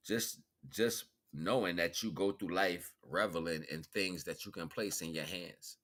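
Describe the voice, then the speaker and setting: A low-pitched American man runs a livestream, offering an animated, colloquial spiritual monologue in a preaching style. Phrases recur again and again in his informal talk.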